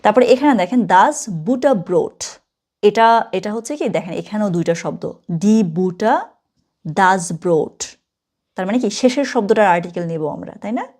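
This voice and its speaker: Woman as an online German tutor, patient, spells words out slowly, keeps asking if students follow. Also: medium pitch, animated, a little mellow. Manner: code-switching teacher, checks in with "ঠিক আছে?" often. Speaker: German teacher. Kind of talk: online language lesson.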